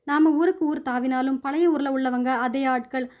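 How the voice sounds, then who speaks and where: A woman's voice: sits high, fairly even intonation, normal speed, dull audio, natural voice. A woman reading a firm, worried middle-aged father. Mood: confiding. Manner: firm, hushing, reassuring. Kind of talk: storybook reading.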